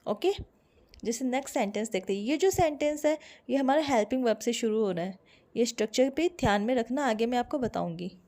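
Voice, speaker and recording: Soft-toned Indian woman teaching grammar. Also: on the high side. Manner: explains slowly, repeating example sentences. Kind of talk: online grammar lesson.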